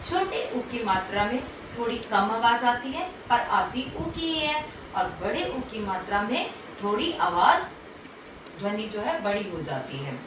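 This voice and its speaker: A woman teaches children how letters sound, drawing out each one at a slow, patient pace. Her voice is a little high, and it rises and falls in a lively sing-song. She is recorded from some way off in an echoey room with a faint hum behind her. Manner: slow, drawn-out enunciation of sounds. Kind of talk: children's phonics lesson. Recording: echoey room, distant from mic.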